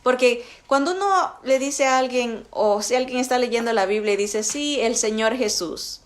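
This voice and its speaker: A woman's voice: on the high side, normal speed. Woman teaching a Bible lesson. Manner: conversational teaching, frequent fillers and tag questions. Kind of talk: recorded Bible study lesson.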